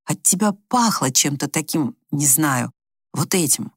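A woman's voice: deep voice, expressive, a little slow, husky, no room sound, voice pushed down, full character voice. A woman reading an audiobook, voicing a dry-joking male doctor husband who talks to his wife steadily and reassuringly. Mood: tender, earnest. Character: wry, teasing male doctor husband, patient and calm.

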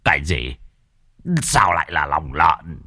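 A man voicing an anguished wealthy father who stammers in a hushed whisper. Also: rumbling low, takes it slowly, breathy edge, pitched below the performer's own voice, exaggerated voice.

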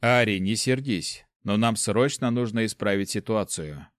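A man's voice: lowish voice, measured pace, no room sound, studio quality, natural voice. A man voicing a wry, persuasive male cleric in a storybook reading. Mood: coaxing.

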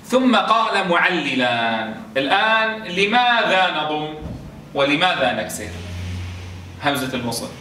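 A man teaching a class on Quran recitation rules. He explains step by step, slowly drawing out sounds to demonstrate and often checking with his students. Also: fairly high pitch, big pitch swings, bright, forceful tone. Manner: keeps checking understanding with quick questions to students. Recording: echoey room, voice from a distance, faint noise.

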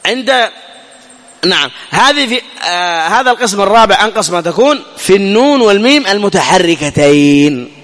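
A man teaching recitation rules in a recorded lesson. He asks the listener questions and slowly demonstrates each sound. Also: sits high, animated, fairly bright tone, long reverb tail. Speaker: tajweed teacher.

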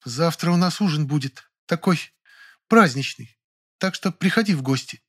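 A stern, overbearing middle-aged mother, played by a male narrator. She questions and commands in a strict, categorical tone. Her voice is pushed high above the narrator's own. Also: lively intonation, moderate pace, a bit bright.

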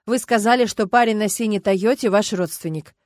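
A woman reading a gruff, barking militia officer. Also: mid-range voice, fairly quick, darkish tone, dry recording, studio quality, close to an everyday voice. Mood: official. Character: stern male militia officer. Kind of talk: audiobook narration.

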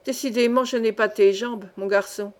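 A woman reading the lines of an older male mining engineer, with calm, courteous questions. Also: fairly high pitch, moderate pace, natural voice. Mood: measured.

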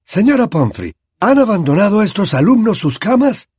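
Dumbledore, a man doing a calm old headmaster. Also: high-pitched, husky, no echo, studio quality, voice pushed up, heavily acted. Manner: calm, measured, gently firm.

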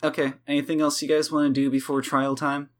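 A man narrating as game master in a relaxed, filler-heavy way. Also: on the high side, brisk.

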